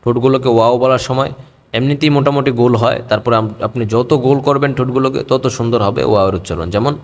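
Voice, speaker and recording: A man teaching a patient pronunciation lesson on Arabic letters, in a mid-pitched voice. He says each letter slowly and stretches it out in a half-sung way. His voice rings on in a long hall reverb.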